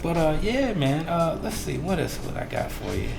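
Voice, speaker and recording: A man's voice: on the high side, sing-song, moderate pace, creaky. A man hosting a casual interview, speaking in a slangy, conversational, buddy-like way. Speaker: interviewer and host. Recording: roomy echo with music behind.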